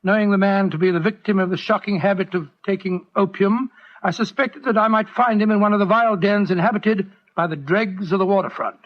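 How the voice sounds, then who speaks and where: A man's voice: high-pitched, fairly quick. An actor playing a genial older British doctor, avuncular and wordy, recounting his adventures in a 1940s radio drama. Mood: storytelling. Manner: avuncular, wordy, old-fashioned diction. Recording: muffled, noisy 1940s radio recording.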